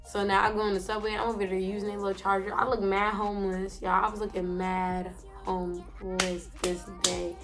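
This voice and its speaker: A woman's voice: medium pitch, fairly quick, hardly any pauses, faint music behind. A young woman vlogger telling a story in a casual, slangy way from her bed, acting out what she and others said. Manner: animated, slangy, acts out her own quotes.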